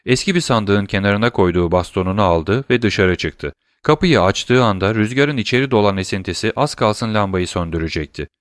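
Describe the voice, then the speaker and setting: A man reading a novel aloud in scripted audiobook narration, measured and suspenseful. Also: lowish voice, animated, no echo, studio quality.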